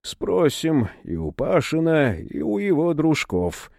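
Man doing a cold, bassy henchman. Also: takes it slowly, creaky, no echo, studio quality, heavily acted. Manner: bass, calm, indifferent interrogation.

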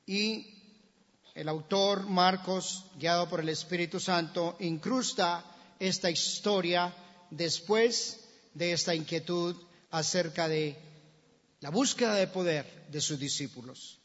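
A man preaching a sermon, telling the story with lively questions to the congregation and acting out the shouts. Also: high-pitched, slow pace. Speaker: pastor. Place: church sanctuary. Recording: dull sound, long church reverb.

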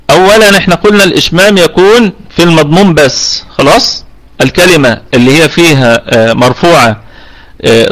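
An Egyptian man with a fairly high voice leads a live online tajweed lesson in Egyptian Arabic. He explains patiently, step by step, and keeps asking whether his listener follows. When he shows a sound, he slows right down. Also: a bit bright, rough recording. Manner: slows down to demonstrate pronunciation. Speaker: Quran recitation teacher. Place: home room over online voice chat.

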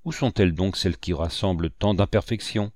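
Un homme jouant une jeune fille candide. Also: male voice, sits low, fairly quick, darkish tone, no room sound, clean studio sound, lightly acted. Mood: triste. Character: jeune fille de quinze ans, candide et sensible.

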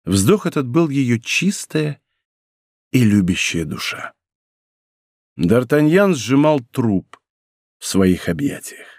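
Expressive male audiobook narrator. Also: mid-range voice, slow, pauses often, no room sound, clean studio sound. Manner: expressive, theatrical storytelling.

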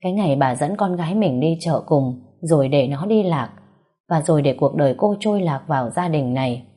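Husky lady narrating a sad family story, mellow and low. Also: expressive, a little fast.

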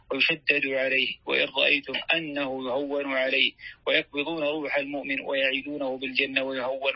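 A man reads a classical commentary aloud in a steady, flat voice with a gravelly edge. He keeps an even, unhurried recitation throughout. The sound is dry and muffled, like a lo-fi lesson recording. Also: mid-range voice, no room sound. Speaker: student reading the text aloud. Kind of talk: reading a classical tafsir text aloud.

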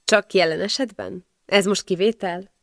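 Brief: a woman voicing a cocky nobleman, smug and teasing, gravelly, audiobook. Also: medium pitch, steady tone, no room sound, studio quality, natural voice.

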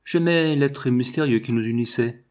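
A man's voice: mid-range voice, moderate pace, a little mellow, natural voice. A man reading a wistful young woman.

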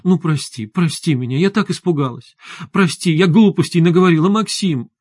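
A man reading an audiobook who voices a frightened wife, raising his voice high as she pleads and shouts. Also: takes it slowly, dry recording, studio quality. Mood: pleading. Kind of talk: audiobook character voice.

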